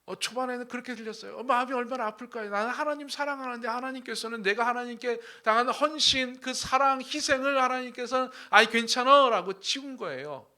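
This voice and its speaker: Bright-voiced Korean man preaching. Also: very high-pitched, fast, hardly any pauses. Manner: animated preaching with acted quotes and rhetorical questions. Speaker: pastor. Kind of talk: sermon.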